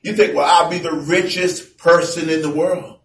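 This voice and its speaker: A man preaching a conversational sermon, reading scripture slowly and with emphasis. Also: fairly high pitch, steady tone, a bit bright. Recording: echoey room from far off.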